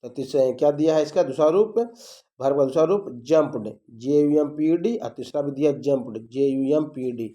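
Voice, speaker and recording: Teacher drilling words in a bright voice. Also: male voice, a little high. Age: middle-aged. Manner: drills and spells words slowly, repeating each form. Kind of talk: lesson on English verb forms.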